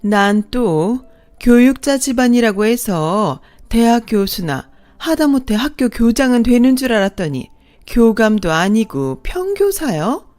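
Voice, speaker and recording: A woman's voice: on the high side, sing-song, a little slow, a little mellow, voice pushed up. A woman narrator voicing a haughty, scornful middle-aged mistress who sneers and talks down to people, with faint music behind. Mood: sneering.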